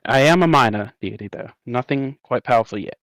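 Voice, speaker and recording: Man, mid pitch, dry close sound, playful boastful role-play. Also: animated, fairly quick, fairly bright tone, no room sound. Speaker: player. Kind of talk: in-character tabletop role-play.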